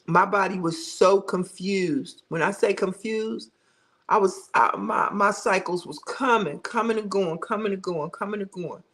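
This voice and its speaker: Chatty middle-aged woman with a gravelly voice. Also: medium pitch, measured pace, fairly bright tone, low-quality recording. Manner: chatty, repeats words for emphasis, reads out viewer comments. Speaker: livestream host. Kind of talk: casual livestream chat. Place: at home.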